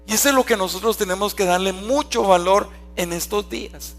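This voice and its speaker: A male pastor with a Guatemalan accent, preaching a sermon slowly and emphatically, often asking the congregation questions. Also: sits high, fairly bright tone. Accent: Guatemalan Spanish.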